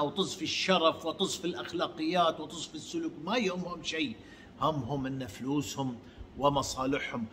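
A man giving a heated religious monologue, swinging between shouts and low mutters. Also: slight background noise. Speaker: channel host.

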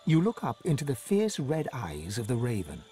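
A man narrating a game story in an expressive, dramatic scripted style. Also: medium pitch, moderate pace. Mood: calm. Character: male storybook narrator, vivid.

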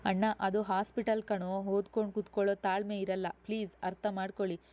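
A woman's voice: mid-range voice, level tone, fairly quick, mellow, lightly acted. A woman voicing a young bride who pleads through tears, in a storybook reading on a dull lo-fi recording. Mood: tearful pleading.

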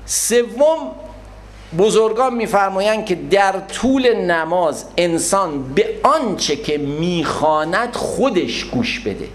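A man giving a religious lecture on prayer, animated, acting out people in little scenes. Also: high voice, a little hiss or hum. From Iran. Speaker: Quran scholar and lecturer.

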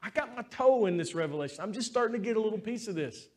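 Guy pastor preaching, heartfelt and earnest, kinda high voice, just talking to his church. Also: animated, fast. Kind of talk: sermon.

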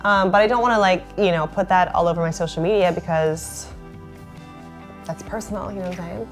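A woman's voice: lowish voice, a little fast, faint music behind. Chatty woman in her late twenties. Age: late 20s. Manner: chatty, lots of "like" fillers, bubbly. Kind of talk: casual chat to camera.

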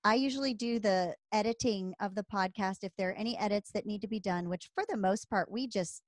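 A woman in her thirties co-hosting a faith podcast in casual chat, chatty and quick to laugh at herself. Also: medium pitch, no room sound. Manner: chatty, laughs easily, self-deprecating. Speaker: podcast co-host.

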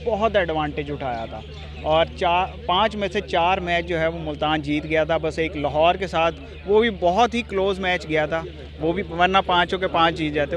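A male sports journalist answers fluently and with confidence. His voice runs somewhat high, and he speaks into a handheld mic at an outdoor stadium. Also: a bit bright. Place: outdoor cricket stadium at night.

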